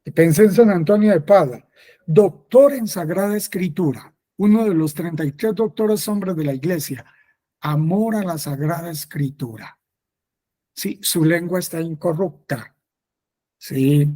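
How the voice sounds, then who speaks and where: A man's voice: on the high side, a little slow, dark tone. A man, a friar, telling a personal testimony in a conversational catechesis, repeating phrases and often affirming himself.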